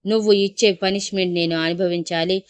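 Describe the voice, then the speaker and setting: A woman's voice: lowish voice, steady tone, fairly quick, smooth, no echo, lightly acted. A woman voicing a domineering young husband. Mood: stern. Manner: harsh, commanding, scornful.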